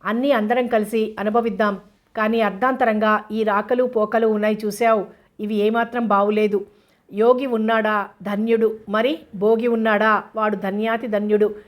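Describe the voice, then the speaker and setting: A woman's voice: a little high, little pitch movement, normal speed, lightly acted. A woman reading as a sarcastic young actress. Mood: scornful. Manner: sarcastic, scornful.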